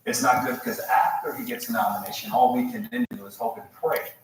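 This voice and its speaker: A man giving measured political analysis as a panel guest, thinking aloud hesitantly and with many fillers. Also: high-pitched, sing-song, vocal fry, a little hiss or hum. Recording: echoey room, distant mic.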